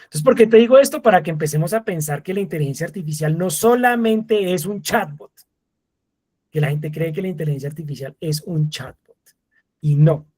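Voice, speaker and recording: A man teaching a live masterclass, animated, who acts out little exchanges with voice assistants. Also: a little high, brisk, breathy edge. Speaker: lecturer.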